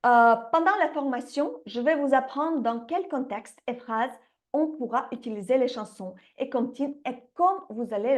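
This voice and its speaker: A woman who teaches English to young children, talking straight to parents in a lively online lesson. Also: a little high. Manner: lively, addresses parents directly, laughs now and then. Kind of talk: direct-to-camera online lesson pitch.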